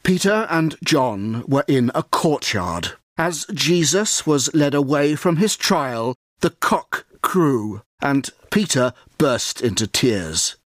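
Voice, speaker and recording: A man narrating a scripted storybook in a measured, solemn way. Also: medium pitch, expressive, no echo, clean studio sound.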